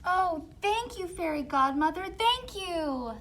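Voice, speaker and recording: A woman's voice: high voice, sing-song, a little slow, fairly bright tone, voice pushed up, heavily acted. A woman voicing a kind, wistful young girl in a fairy tale storybook. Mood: grateful.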